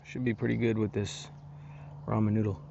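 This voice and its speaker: Easygoing male camping vlogger, rambly and unhurried, outdoors on a slightly muffled camera mic. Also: fairly low pitch, creaky, a little hiss or hum. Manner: relaxed, rambling, many fillers and restarts. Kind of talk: casual camping vlog narration. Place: outdoors at a lakeside campsite.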